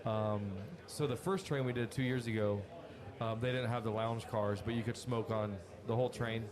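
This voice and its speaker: Man, podcast guest, animated storytelling, frequent laughs, crowd chatter behind. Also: medium pitch, moderate pace. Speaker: guest from a cigar company. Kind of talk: casual podcast chat.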